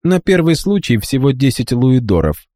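A man's voice: medium pitch, big pitch swings, moderate pace, dark tone, no room sound, clean studio sound, pitched above the performer's own voice, close to an everyday voice. A man voicing a cheeky, cold-blooded young street boy with a mocking, calculating manner, in an audiobook. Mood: cocky. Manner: cocky, mocking, coolly calculating.

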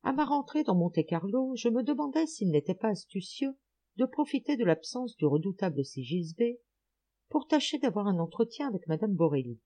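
A woman's voice: mid-range voice, big pitch swings, warm tone. Woman reading a literary audiobook. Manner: measured, literary phrasing. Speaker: audiobook reader. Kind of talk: scripted audiobook narration.

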